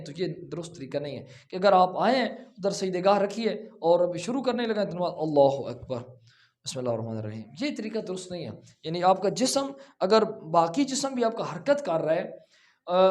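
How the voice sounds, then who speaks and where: A man giving an instructional talk on how to pray, addressing viewers as believers and slowly demonstrating the recitations. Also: high-pitched, a little mellow. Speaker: religious teacher.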